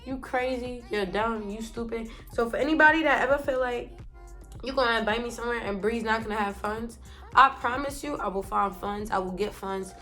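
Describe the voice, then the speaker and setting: A woman's voice: fairly high pitch, fairly quick, soft background music. A young woman vlogger telling a story in a casual, slangy way from her bed, acting out what she and others said. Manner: animated, slangy, acts out her own quotes.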